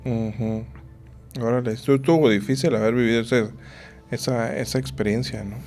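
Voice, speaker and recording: A man's voice: mid-range voice, steady tone, moderate pace, a little mellow, faint music behind. A man hosting a podcast interview, listening with brief affirmations and asking follow-up questions. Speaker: podcast host. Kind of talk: casual interview.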